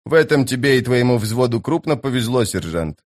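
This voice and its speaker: A man voicing a cold, hard assassin who speaks low, quiet and clipped. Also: expressive, fairly quick, natural voice.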